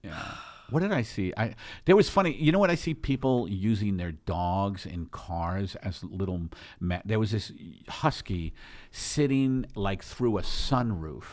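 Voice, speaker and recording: A middle-aged man hosts a comedy podcast. His pitch swings widely as he drifts into sarcastic, mock-serious tangents. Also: expressive, a little slow, a little mellow. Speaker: podcast host. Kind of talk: casual comedic chat.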